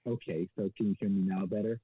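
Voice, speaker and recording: A man calling in over a faint, muffled phone line, sounding like he is at the bottom of a well, speaking quietly and hesitantly. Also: low-pitched, fairly even intonation, fast, husky, no room sound. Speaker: caller. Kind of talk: call-in radio question.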